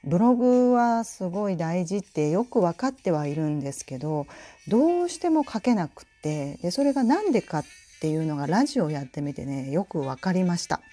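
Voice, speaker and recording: A woman's voice: fairly low pitch, fairly quick. A Japanese woman from Tokushima with a mixed Tokushima and Kansai accent, hosting her own radio talk in a chatty, laughing manner. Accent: Tokushima and Kansai mix. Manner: chatty, animated, laughs often. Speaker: podcast host and color school head. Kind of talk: casual solo radio talk.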